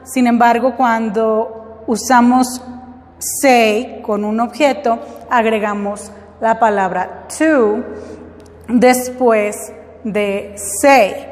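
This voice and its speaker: Slow, patient woman teaching in a classroom. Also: fairly high pitch, steady tone, darkish tone, big-room sound. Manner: patient, explains step by step with frequent checks. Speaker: English teacher. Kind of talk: classroom lesson.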